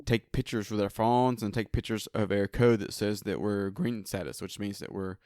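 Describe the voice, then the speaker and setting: A man's voice: on the low side, steady tone, moderate pace, a little mellow, no echo, clean studio sound. Joking American man, casual podcast chat. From United States. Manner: joking, laughs often, swears casually. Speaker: podcast co-host. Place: hot indoor room.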